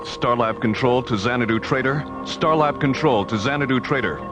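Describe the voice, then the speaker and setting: An actor playing a male space station controller answering over the radio in crisp radio procedure. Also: mid-range voice, normal speed, music in the background. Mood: urgent. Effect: radio transmission, sounding distant.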